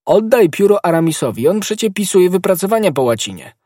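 A man voicing a boisterous, simple-minded musketeer in an audiobook, loud and exclaiming in a high voice. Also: very animated, a little fast, no room sound, clean studio sound. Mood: eager.

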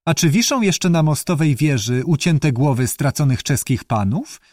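A polite, bookish newt speaks in a lifted, eager voice, as a male reader puts him on. His manner is formal and earnestly courteous, with lively swings in pitch. The sound is dry and close. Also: moderate pace, no room sound. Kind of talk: audiobook character voice.

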